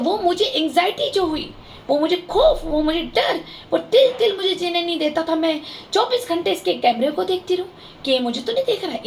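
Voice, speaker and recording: A woman's voice: very high-pitched, creaky, a little hiss or hum. A woman vlogger speaking straight to her viewers in an aggrieved, impassioned and accusing monologue. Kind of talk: emotional vlog monologue to viewers.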